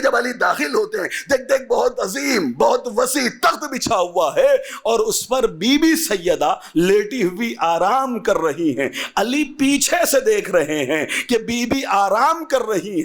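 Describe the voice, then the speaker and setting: Man, fiery sermon, very high voice, raspy edge, chanting delivery. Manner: declaiming loudly with sung, chanting cadences; breaks into dramatic quoted dialogue. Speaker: preacher. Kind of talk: impassioned majlis sermon.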